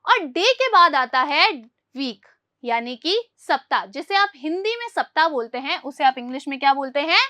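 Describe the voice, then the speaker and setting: A woman's voice: high-pitched, very animated, moderate pace, sharp tone, dry recording. A woman teaching English pronunciation, quizzing her listeners and repeating each word back. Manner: repeats words with quizzing questions. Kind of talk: spoken English lesson in Hindi.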